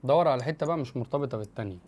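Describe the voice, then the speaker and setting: A man's voice: medium pitch, rapid-fire, darkish tone. An Egyptian man, a contestant, chatting and bantering casually.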